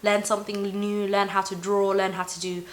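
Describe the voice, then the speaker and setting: A woman's voice: medium pitch, flat delivery, moderate pace. A young woman hosting a casual advice chat, talking in a chatty, informal and encouraging way. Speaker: talk show host.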